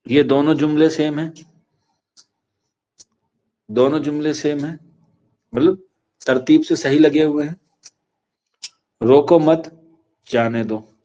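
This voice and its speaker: A man from India teaching an exam prep lecture, repeating key phrases slowly so students can write them down. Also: a little high, steady tone, dark tone, dull audio.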